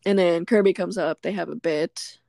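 This casual movie recap comes from a woman co-host on a podcast, connected by remote call, who goes scene by scene and laughs frequently. She speaks at normal speed in a fairly low, steady, mellow voice with vocal fry, and the studio sound is clean without room sound.

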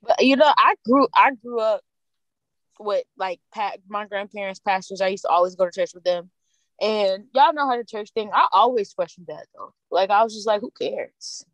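A woman's voice: medium pitch, normal speed, a bit bright, no room sound. A woman telling stories in casual podcast chat, laughing often. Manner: chatty storyteller, laughs often.

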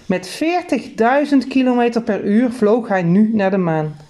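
A woman narrating a children's story in a lively, expressive reading. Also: on the high side, unhurried.

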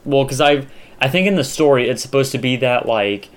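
A man's voice: mid-range voice, fairly quick. A young man chatting casually as a podcast co-host, rambling with lots of fillers and restarts. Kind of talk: casual chat.

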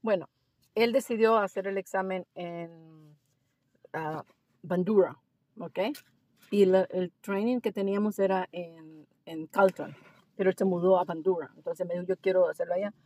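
A woman's voice: fairly low pitch, normal speed, no echo. Chatty woman telling a driving story. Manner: animated storyteller, mixes English phrases into Spanish. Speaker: driving instructor. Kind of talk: casual storytelling interview.

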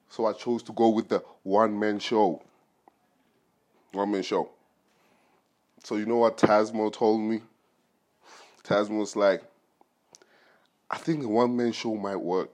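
A man with a fairly low voice hosts a podcast on his own and talks straight to the listener. He rambles and jokes, and his speech is loose and full of slang. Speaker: podcast host. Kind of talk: casual solo podcast monologue.

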